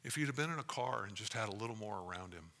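A man's voice: on the low side, animated, quick pace, sharp tone. A man preaching a sermon, moving between conversational anecdotes and emphatic rhetorical questions. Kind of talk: sermon to a congregation, with personal anecdotes. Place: large reverberant room, preaching to an audience. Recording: reverberant hall sound.

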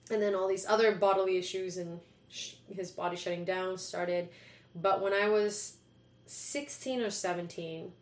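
A young woman talking with open, easy candor, with some swearing and some laughter mixed in. Her voice sits fairly low. The recording is roomy, and the walls throw back a noticeable echo. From Sweden. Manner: candid, chatty, swears freely, laughs while talking. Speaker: guest. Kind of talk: casual conversation. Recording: echoey room.

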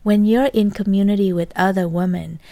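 Warm gravelly woman coaching earnestly. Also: medium pitch, fairly even intonation, a little fast, no echo. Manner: drops to a whisper for inner thoughts. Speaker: guest coach.

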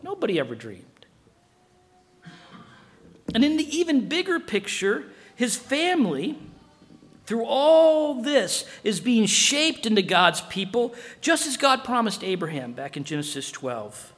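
A man preaching a sermon as pastor in an animated way, acting out dialogue. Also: very high voice, measured pace, in a large hall.

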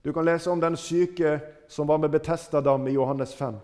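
A man preaching a sermon, retelling stories with dramatic rises and falls in his voice. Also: steady tone. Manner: dramatic retelling with wide swings in pitch and loudness.

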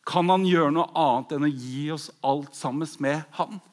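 Fired-up guy preaching in a big hall, kinda high voice, gets loud then goes quiet and prayerful. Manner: fervent, swings from loud exclamations to hushed prayer. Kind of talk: pentecostal sermon. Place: large conference hall.

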